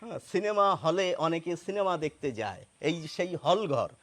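A man's voice: high-pitched, sing-song, normal speed, fairly bright tone. A man explaining spelling rules step by step, asking and answering his own questions. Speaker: Bengali spelling teacher. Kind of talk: explanatory lesson.

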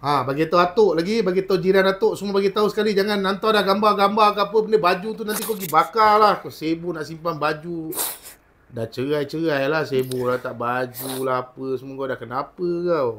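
A spiritual healer, a man with a fairly high voice and a bright, forceful tone. He scolds, teases and mocks a possessing spirit during a healing session. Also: brisk, slight background noise. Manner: mocking, scolding and teasing.

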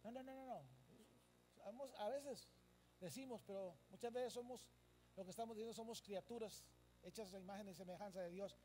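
A man's voice: high voice, a little fast, dark tone, a little hiss or hum. A male pastor preaching a sermon to his congregation, emphatic, asking them questions and repeating phrases. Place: church service.

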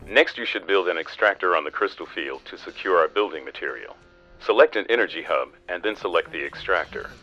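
A deep-voiced, forceful space captain briefs his commander with steady, serious pragmatism. The game dialogue comes through a narrow radio-like band with faint music underneath. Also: brisk, exaggerated voice. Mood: instructive. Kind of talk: scripted game mission dialogue.

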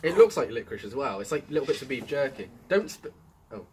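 A man's voice: medium pitch, sing-song, quick pace, a little mellow, recorded from a distance, slight background noise. A British man, a co-host in a casual chat, talking bluntly and crudely with his mouth full of chewing tobacco. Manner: blunt and crude, swearing freely.

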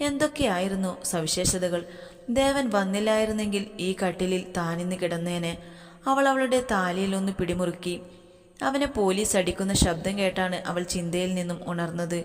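Woman narrating a romance story, reverberant. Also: fairly low pitch. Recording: long hall reverb.

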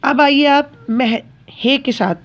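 A woman's voice: high voice, slow pace, dull audio. A woman teacher giving a patient, step-by-step handwriting lesson to children, often checking that they follow.

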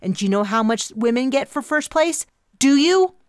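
A woman voicing an intense young female activist in her twenties, insistent and accusatory, with a gravelly edge. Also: lively intonation, no echo, studio quality, natural voice. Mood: indignant. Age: 20s. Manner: insistent, accusatory, rapid-fire pitch.

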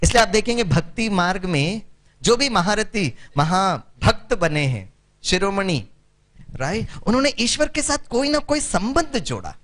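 A man's voice: sits high, big pitch swings, unhurried, a bit bright. A man from Kerala, giving a spiritual lecture to an audience, mixing Hindi with English and calling for responses. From Kerala, India. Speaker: meditation speaker.

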